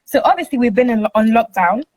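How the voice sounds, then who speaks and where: High-voiced upbeat woman hosting. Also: animated, a little fast, a little mellow, low-quality recording. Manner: upbeat, laughs often, coaxes the audience. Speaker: host. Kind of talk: casual online interview.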